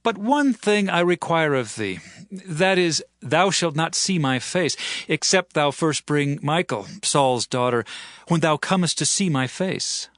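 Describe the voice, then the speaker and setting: A man's voice: on the high side, expressive, measured pace, fairly bright tone, no echo, studio quality. A man playing a firm, demanding ancient Hebrew king in a dramatized scripture reading, with declamatory archaic speech. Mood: firm, conditional.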